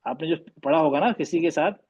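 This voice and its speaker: A man teaches Quran recitation over a call, stretching sounds slowly as he corrects students. His voice sits slightly high. The audio is dull and lo-fi. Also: a little mellow, husky. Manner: patient, slow demonstrating drills. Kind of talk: online tajweed class correction.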